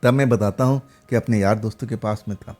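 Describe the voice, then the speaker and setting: A man's voice: on the low side, fairly even intonation, fast talker, mellow. A man narrating a first-person horror story in a loose, rambling way, with fillers and restarts.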